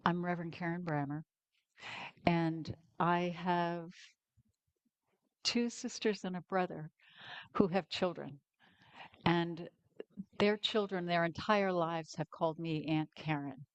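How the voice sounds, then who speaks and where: An older woman, a guest minister, giving a candid, personal sermon in a slow, pausing way. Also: lowish voice, fairly even intonation, clear, resonant tone, dry recording, muffled recording. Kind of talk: conversational sermon.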